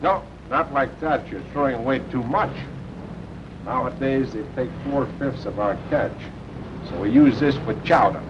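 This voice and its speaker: A stern, world-weary resistance worker, played by a man in an old 1940s film. He admonishes deliberately at a middling pitch. The soundtrack is dull and noisy. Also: natural voice. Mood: admonishing.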